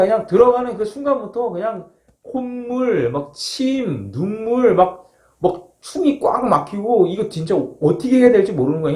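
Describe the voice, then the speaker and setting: A man casually telling a first-person story as a former marine, acting out moments with polite formal sentence endings. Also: sits high. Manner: animated, acts out shouts, polite formal endings. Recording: roomy, echoing sound.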